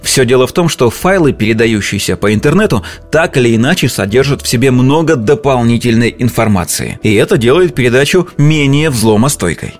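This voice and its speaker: Male explainer presenter, middle-pitched, conversational, with faint music underneath. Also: lively intonation, brisk, hardly any pauses. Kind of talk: informal explainer narration.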